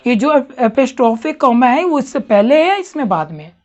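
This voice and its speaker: Woman teacher, high voice, quizzing her class often; dull lo-fi recording. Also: very animated, normal speed. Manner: questioning, checks understanding often. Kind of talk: classroom grammar lesson.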